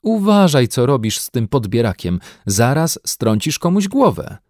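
A man voicing an anxious, gentle mother in an audiobook reading, soft and fussing. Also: on the high side, very animated, measured pace, no room sound, studio quality, voice pushed up, full character voice. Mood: worried. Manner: worried, soft-spoken, fussing. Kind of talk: audiobook character voice.

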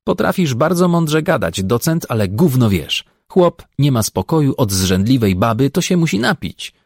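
A man's voice: medium pitch, very animated, normal speed, darkish tone, no echo, clean studio sound, voice pushed up. A man doing a blunt scornful woman. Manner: blunt, coarse.

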